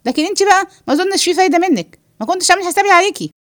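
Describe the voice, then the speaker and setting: A woman's voice: extremely high pitch, expressive, very fast, no echo, clean studio sound, pitched above the performer's own voice. A woman voicing a cheeky, joking man with an Egyptian accent in a read-aloud play, teasing the others. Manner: teasing, wisecracking. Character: cheeky, joking man, carefree while eating.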